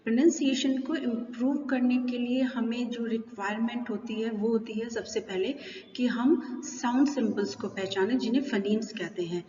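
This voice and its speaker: A woman's voice: fairly high pitch, a little mellow. A woman teacher with an Indian English accent, explaining in a bilingual classroom style and answering her own questions as she goes. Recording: roomy, distant, dull, slight hiss.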